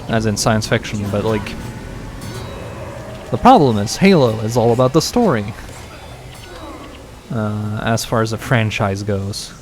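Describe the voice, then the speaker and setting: A man giving casual let's-play commentary while streaming a game, rambling and joking with lots of "like" fillers. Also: fairly low pitch. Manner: rambling and joking, heavy use of "like". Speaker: gaming streamer.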